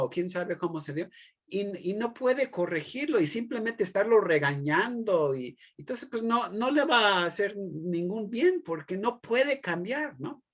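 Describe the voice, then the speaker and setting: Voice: mid-range voice, husky. A teacher lecturing a class, talking hesitantly with many fillers, restarts and tag questions, and explaining through everyday examples.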